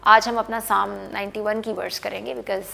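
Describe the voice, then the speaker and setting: A woman's voice: mid-range voice, little pitch movement, moderate pace, gravelly, bright, forceful tone, a little hiss or hum. A woman teaching an English grammar lesson, explaining patiently and often checking in with the listener. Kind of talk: bilingual classroom lesson.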